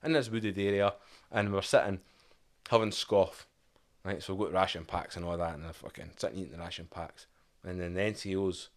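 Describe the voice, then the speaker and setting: A man with an Edinburgh Scottish accent, a podcast guest telling a lively, profane story and acting out shouted quotes. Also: deep voice. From Scotland. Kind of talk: casual storytelling.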